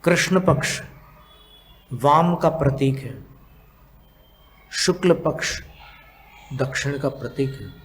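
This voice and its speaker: A monk giving a sermon, explaining slowly with long pauses, asking the audience questions and chanting scriptural verses in a drawn-out cadence. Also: male voice, mid-range voice, animated, a little hiss or hum. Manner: asks the audience questions to teach. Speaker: monk giving a religious discourse.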